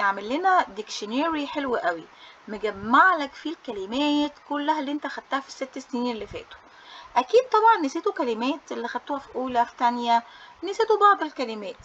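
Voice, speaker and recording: Bright, cheerful Egyptian woman teacher. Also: high-pitched, dull audio, slight background noise. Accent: Egyptian Arabic. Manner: cheerful, coaxing pupils as heroes; mixes English terms into Arabic. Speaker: English teacher. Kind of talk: book review for students.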